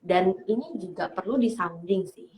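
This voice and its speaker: A woman psychologist giving parenting advice on a talk show, speaking in a lively way, laughing often and acting out parents and children. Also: medium pitch, moderate pace. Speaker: psychologist guest. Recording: roomy echo.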